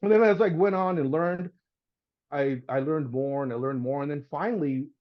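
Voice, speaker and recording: A man's voice: fairly high pitch, moderate pace, dull audio. A middle-aged man, a house painter and podcast guest, telling a story in a loose, casual way and acting out the voices of the people in it. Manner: animated storyteller, acts out voices, says "man" and "dude".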